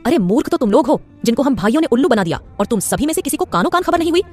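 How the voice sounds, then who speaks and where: A woman's voice: high voice, sing-song, very fast, a little mellow, faint music behind, voice pushed up. A woman voicing a scheming, treacherous male commander who mocks and gloats in an audio story. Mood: gloating. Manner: mocking, gloating.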